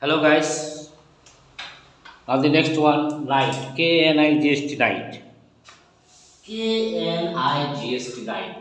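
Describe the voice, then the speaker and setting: A man teaching English vocabulary as an online lesson, spelling words out letter by letter and slowing down on the English definitions. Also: medium pitch, fairly bright tone. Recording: very echoey room with long reverb.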